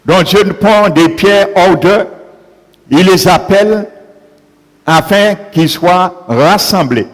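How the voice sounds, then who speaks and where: A man's voice: high voice, takes it slowly. A man preaching a sermon, punctuating his points with repeated calls of alleluia. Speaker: pastor. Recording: long hall reverb.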